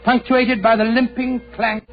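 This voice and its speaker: An older man plays a genial old British retired doctor, telling stories in an avuncular, theatrical 1940s radio style with a grave, dramatic mood. His voice is extremely high in pitch, level in tone and measured in pace, over soft background music. The recording is noisy, muffled and crackly, like 1940s radio.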